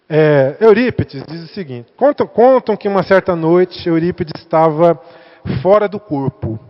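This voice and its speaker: A man with a Brazilian Portuguese accent gives a spiritist talk to center workers, chatting and asking the audience questions. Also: high-pitched. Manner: conversational, asks the audience questions. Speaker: guest speaker. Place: spiritist center meeting hall. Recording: echoey hall, dull lo-fi sound.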